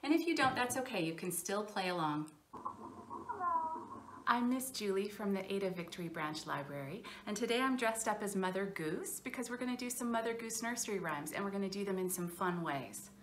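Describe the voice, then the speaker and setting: A woman children's librarian leading a storytime, talking to small children in an animated, expressive way. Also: mid-range voice, a little fast, reverberant, a little hiss or hum.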